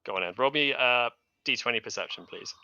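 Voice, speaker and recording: A man's voice: medium pitch, a little fast, sharp tone, smooth, no room sound, dull audio. A man acting as game master, narrating and explaining rules in an online tabletop role-playing game.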